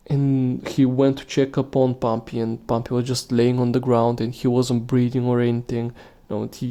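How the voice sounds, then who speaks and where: A man's voice: mid-range voice, dark tone, clear, resonant tone. A man hosting a solo podcast, talking casually and rambling with many restarts and fillers. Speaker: podcast host.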